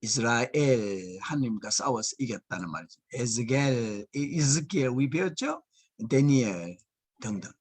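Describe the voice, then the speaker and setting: A man teaching a Bible lecture, explaining slowly and repeating key words. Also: medium pitch, expressive, darkish tone, slightly rough. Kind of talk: lecture class.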